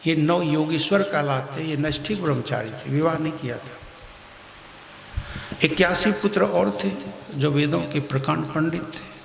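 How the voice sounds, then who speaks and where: Slow, high-voiced male storyteller in echoey hall. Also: gravelly, slight background noise. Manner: measured, emphatic storytelling. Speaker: kathavachak, religious storyteller. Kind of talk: devotional scripture storytelling. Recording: echoey hall with faint music.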